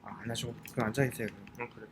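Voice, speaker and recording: A man's voice: mid-range voice, fairly even intonation, very fast. A man speaking casually and briefly while handling check-in. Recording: very noisy venue, keyboard clicks.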